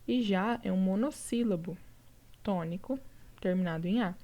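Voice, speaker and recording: This teacher speaks at normal speed and medium pitch, her Brazilian Portuguese accent clear even though the recording's highs are cut off. She goes over exercises patiently, step by step, with frequent "tá?" checks to her students in a recorded lesson.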